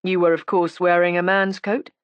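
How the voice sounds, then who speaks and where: A woman's voice: lowish voice, little pitch movement, normal speed, clean tone, no room sound, highs cut off, lightly acted. A woman reading an audiobook, voicing a stern male police inspector who speaks in a cool, clipped, ironic way. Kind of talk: audiobook character voice.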